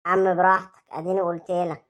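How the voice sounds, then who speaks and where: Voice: medium pitch, level tone, fast, natural voice. A performer voicing a timid, obedient talking carrot who serves a gang boss, speaking with an Egyptian accent. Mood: uneasy. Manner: nervous and obedient. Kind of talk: comic cartoon acting.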